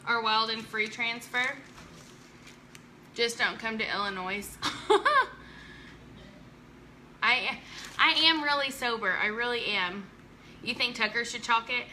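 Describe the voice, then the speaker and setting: A woman speaks slowly in a slightly high, bright, forceful voice, with long pauses and a little hiss or hum in the audio. She's hosting a laid-back chalk-craft live stream at home, chatting, teasing and laughing often with her viewers.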